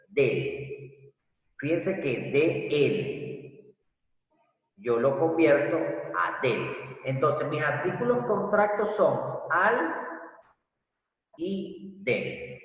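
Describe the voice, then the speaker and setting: A man teaching a recorded grammar lesson, explaining slowly and deliberately and asking rhetorical questions. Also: a little high, fairly bright tone. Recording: echoey room from far off.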